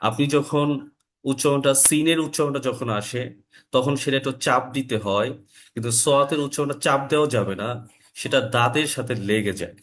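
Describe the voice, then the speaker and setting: This Quran recitation teacher's voice is medium-pitched with a fairly bright tone. In an online class he carefully and slowly works through Arabic letter sounds, repeating each one for the learners.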